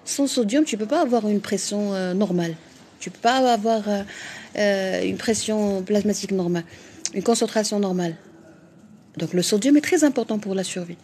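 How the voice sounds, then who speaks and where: A Moroccan woman doctor hosts a live stream, answering viewers' comments frankly with frequent fillers and restarts. Her voice is medium in pitch and dark in tone, at a moderate pace.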